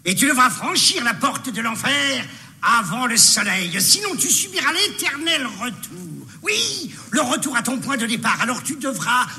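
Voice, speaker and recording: A man's voice: extremely high pitch, very animated, normal speed, pushed and bright, full character voice. An actor playing an eccentric, theatrical old male prophet in a cartoon, declaiming his lines. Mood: grandiose. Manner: declaiming, exclamatory. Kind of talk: cartoon dubbing. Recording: reverberant cartoon clip with music.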